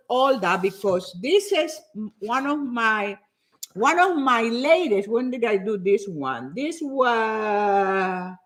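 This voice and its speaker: An older woman in her seventies, Spanish by first language, speaks to her online viewers in a high voice whose pitch swings widely. She takes her time and often doubles back on her words. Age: 70s. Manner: lively, repeats herself, says she talks fast. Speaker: fitness speaker. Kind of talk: casual talk to viewers.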